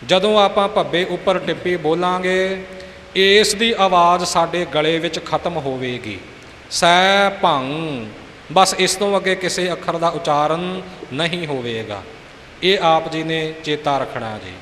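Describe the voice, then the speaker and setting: A man with a Punjabi accent giving a patient pronunciation lesson, drawing out each word slowly to demonstrate it. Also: fairly high pitch, fairly bright tone. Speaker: Gurbani pronunciation teacher. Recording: echoey hall with faint hiss.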